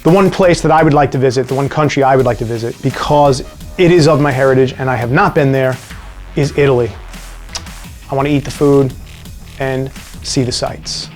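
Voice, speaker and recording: A man with a New York accent answering viewer questions in a casual vlog, relaxed and wry with dry jokes. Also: mid-range voice, a little fast, soft background music.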